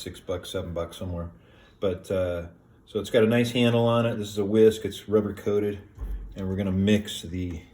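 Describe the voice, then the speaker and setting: A man hosting a casual cooking video in a home kitchen, talking step by step in a relaxed, plain way with many "uh"s and "um"s. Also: fairly low pitch. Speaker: home cooking show host.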